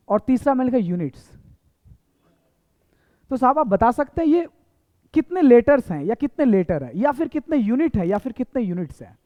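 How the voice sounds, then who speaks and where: Man, teacher, very high voice, lively, tinny echoey hall sound. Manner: repetitive, quizzing with rhetorical questions. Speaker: English teacher. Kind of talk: classroom lesson.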